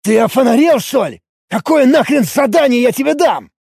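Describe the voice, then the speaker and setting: A man voicing a belligerent, coarse male elf warrior who yells threats in an audiobook. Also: high-pitched, lively intonation, brisk, no room sound, clean studio sound, voice pushed up. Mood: enraged. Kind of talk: audiobook character voice.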